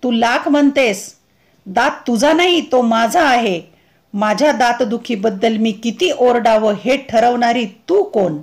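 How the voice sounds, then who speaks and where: A woman's voice: a little high, unhurried. A woman reading aloud the lines of a stubborn, whining middle-aged husband suffering a toothache. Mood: peevish. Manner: peevish, stubborn complaining.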